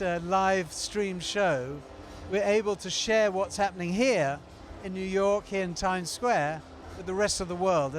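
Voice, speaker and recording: A man with a fairly high voice talks on a live stream about an event he helps run. He speaks loosely and rambles, stopping often to find his words. He was recorded outside, with city traffic around. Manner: rambling, many fillers and restarts. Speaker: event organizer and former TV producer. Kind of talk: casual live stream chat.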